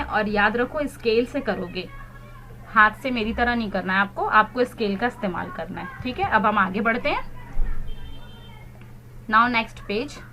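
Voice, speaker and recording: Woman teacher, bright voice, unhurried, sounds out letters one by one. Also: on the high side. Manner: explains in Hindi, spells words out slowly letter by letter. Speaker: primary school English teacher. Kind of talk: recorded online class lesson.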